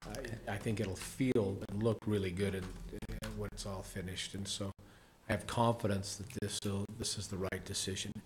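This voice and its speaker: A man chairing a county commission meeting, speaking in a procedural, halting manner. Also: on the low side, steady tone, a little hiss or hum.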